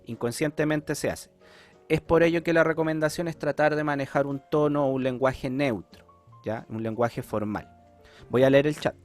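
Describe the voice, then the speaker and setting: Chilean guy teaching a class online, kinda high voice, keeps checking in w the students, faint music behind. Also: moderate pace. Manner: explanatory, checks in often with "¿ya?" and "¿cierto?".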